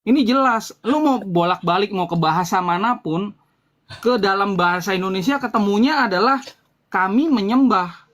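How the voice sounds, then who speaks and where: High-pitched man, insistent debate host. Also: normal speed, a bit bright. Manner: explanatory, insistent, repeats himself. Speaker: host, translator and team leader debating religion. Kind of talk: live debate talk.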